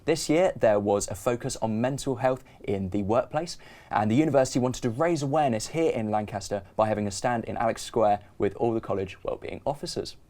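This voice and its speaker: A young man reading student TV news in a studio, with a measured newsreader delivery. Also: mid-range voice, mellow.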